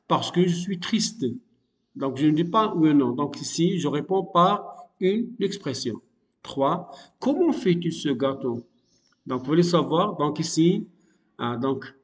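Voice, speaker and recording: Patient man teaching a lesson, echoey. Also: fairly high pitch. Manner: patient, repetitive, many fillers. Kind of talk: explaining a grammar lesson.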